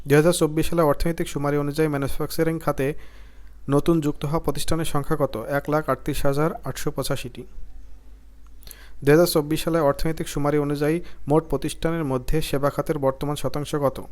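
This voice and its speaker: A man from Bangladesh reading out job exam quiz questions, each followed by its answer in a lower, softer voice.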